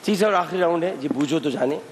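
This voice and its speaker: A man hosts a TV quiz show in a studio with a long ringing reverb and faint hiss behind him. He teases and pushes the contestants, firing repeated demands for answers. His voice sits a touch higher than most men's. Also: fast. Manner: impatient, needling, repeats commands. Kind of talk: teasing, pressing quiz hosting.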